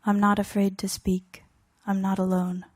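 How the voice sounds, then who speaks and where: In a measured recitation of her own poems, a woman speaks in a mellow, soft-edged monotone, her pitch barely shifting. She lays out brief fragments separated by heavy pauses, recorded close and dry without any echo.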